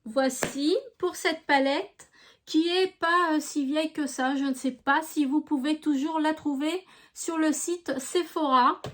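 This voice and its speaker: Slow, high-voiced woman with a French regional accent. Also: fairly even intonation, a bit bright. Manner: unhurried, chatty, lots of fillers and voilà. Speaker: beauty vlogger. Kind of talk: casual product review.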